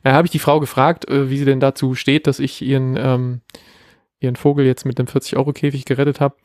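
A man's voice: medium pitch, level tone, quick pace, darkish tone, no room sound, clean studio sound. A man in his thirties, co-hosting a podcast, telling a story casually with many fillers. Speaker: podcast co-host. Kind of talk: casual chat.

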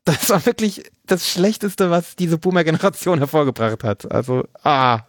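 A man's voice: high voice, big pitch swings, moderate pace, no echo, clean studio sound. A man in casual film-review chat, blunt and sarcastic, dismissing a film emphatically. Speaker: film podcast co-host.

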